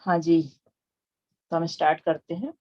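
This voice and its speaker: A woman leads an online class on a sacred hymn, explaining each word patiently. She chants the verses slowly and clearly, then breaks them down. Her voice comes through slightly dull, as on a group call. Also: lowish voice, steady tone, darkish tone. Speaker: teacher of a devotional verse class.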